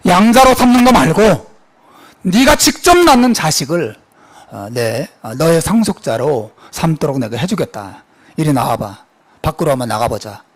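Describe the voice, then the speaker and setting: A man preaching, putting on a gentle, fatherly God who coaxes softly in a lowered voice. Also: expressive, normal speed. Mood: gentle coaxing. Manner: soft, coaxing, lowered voice.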